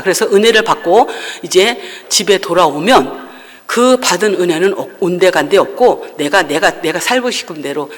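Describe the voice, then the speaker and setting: A woman pastor recounts a personal testimony from the pulpit. She tells the story earnestly and repeats phrases for emphasis. Her voice carries a long church-hall reverb. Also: on the low side. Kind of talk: sermon testimony. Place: church sanctuary.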